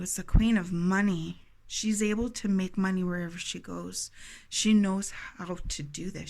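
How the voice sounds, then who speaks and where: A woman giving a tarot reading to her viewers, earnest and emphatic, repeating phrases for stress. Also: on the low side. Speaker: tarot reader.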